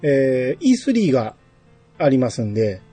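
A man's voice: mid-range voice, big pitch swings, normal speed, warm tone, breathy edge, dry recording, soft background music. A man chatting casually as the host of a podcast. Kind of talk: casual chat.

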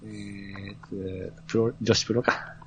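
A man's voice: fairly low pitch, level tone, unhurried. A man chatting casually as a podcast co-host, politely agreeing and responding as he listens. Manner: polite, agreeable back-channelling. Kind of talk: casual chat. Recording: dull lo-fi audio, faint music.

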